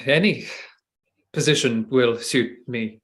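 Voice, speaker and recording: A man's voice: mid-range voice, slow, a bit bright. A man playing an earnest, nervous poet in a stage play reading, with a hesitant, self-conscious manner. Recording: echoey room.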